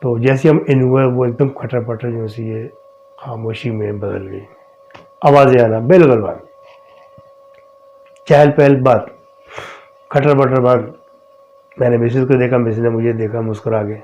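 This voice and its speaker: A middle-aged man tells his own experiences in a relaxed, conversational way, often retelling conversations with "I said". His voice is dark and mellow. The recording sounds dull and lo-fi. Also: medium pitch, pauses often. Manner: conversational, retells dialogue with frequent "I said". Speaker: podcast host telling his own experiences. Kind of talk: casual personal storytelling.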